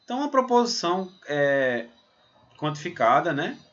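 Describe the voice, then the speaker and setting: A man from Pernambuco teaching a recorded math lesson, talking it through step by step with a lively delivery and frequent "né?" tags. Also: fairly high pitch, moderate pace. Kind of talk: recorded exam-prep lesson. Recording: slightly dull, muffled sound.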